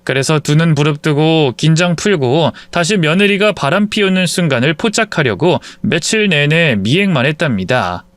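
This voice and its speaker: A man reads a dramatic story with a lively, animated voice that rises and falls. The sound is dry and close, with no room around it. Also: fairly high pitch, moderate pace, few pauses, no room sound. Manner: lively reading with acted dialogue. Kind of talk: scripted story narration.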